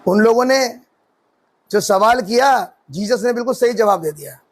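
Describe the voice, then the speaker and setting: Male pastor, very high voice, emphatic questioning sermon style. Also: animated, moderate pace, husky. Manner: preaching with rising emphatic questions.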